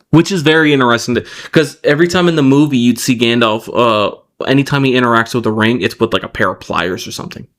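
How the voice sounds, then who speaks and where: A man co-hosting a podcast, moving between relaxed chat with fillers and restarts and read-out passages of plot summary. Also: medium pitch. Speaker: podcast co-host. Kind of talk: casual chat mixed with reading a plot summary.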